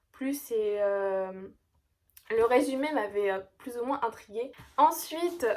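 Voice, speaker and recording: A young woman in her late teens from France, chatting casually and gushingly at home in a vlog, full of fillers. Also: fairly high pitch. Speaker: vlogger. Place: at home indoors.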